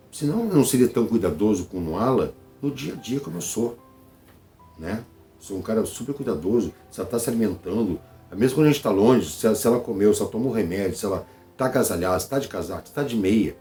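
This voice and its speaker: Brazilian man, channel host, casual monologue to camera; lowish, warm voice, chatty and repetitive, faint music underneath. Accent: Brazilian Portuguese. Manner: conversational, repeats phrases, frequent "tá?" tags.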